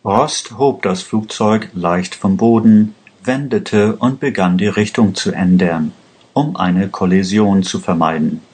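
Slow husky male story narrator. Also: on the low side. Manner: slow, even, careful reading. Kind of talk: scripted narration of a language-learning story.

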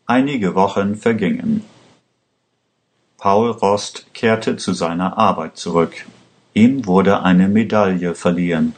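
Slow, deep-voiced male narrator. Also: darkish tone. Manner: slow, measured reading. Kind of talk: scripted storybook narration.

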